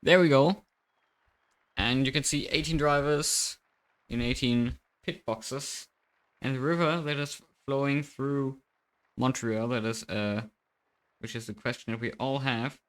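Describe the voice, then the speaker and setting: A man's voice: mid-range voice, fairly even intonation, unhurried, a bit bright. A young man commentating a sim racing qualifying session on a live stream, chatty and self-mocking, thinking aloud into a desk microphone.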